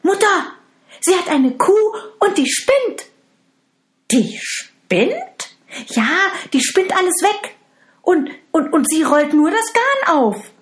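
A woman voicing an excited stepsister telling tales in a fairy tale, high and stammering. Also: slow, full character voice. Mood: tattling. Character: excited, tattling stepsister girl.

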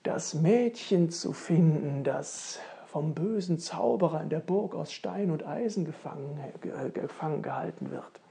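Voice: medium pitch, lively intonation, measured pace, vocal fry, few pauses, dark tone. A storyteller voicing a young, earnest fairy-tale prince who asks eager, wondering questions.

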